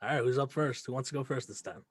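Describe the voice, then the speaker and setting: A man's voice: mid-range voice, fast, breathy edge. A man hosting a class in a casual, chatty style. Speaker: class host. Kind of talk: casual chat.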